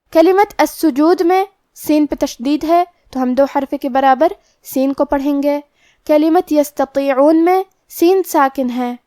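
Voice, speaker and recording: High-voiced woman teaching Quran recitation. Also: warm tone, no echo, clean studio sound. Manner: measured, explains each letter and rule step by step. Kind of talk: tajweed lesson.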